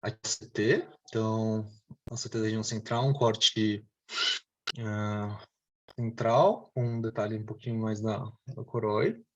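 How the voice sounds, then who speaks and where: A man with a Brazilian Portuguese accent presenting a clinical case over a video call, talking hesitantly with many restarts while his audio comes through a choppy, low-quality online stream. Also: steady tone, measured pace, darkish tone, dull audio. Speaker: case presenter at a medical meeting.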